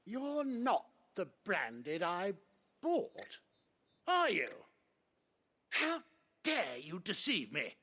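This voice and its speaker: An actor playing a pompous, cruel noble father, haughty and scornful with shouted outbursts. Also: high voice, huge pitch swings, drawn-out words, pauses often, heavily acted. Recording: game audio under faint music.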